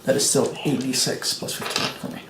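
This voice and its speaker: A man chatting casually as a player in a tabletop game. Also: fairly quick. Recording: roomy echo with clear background noise.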